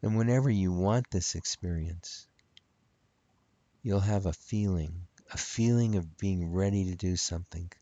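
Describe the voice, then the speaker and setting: A man speaking as a hypnotist, leading a guided relaxation in soothing, repetitive, measured phrases. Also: deep voice, dark tone, dry recording, dull audio.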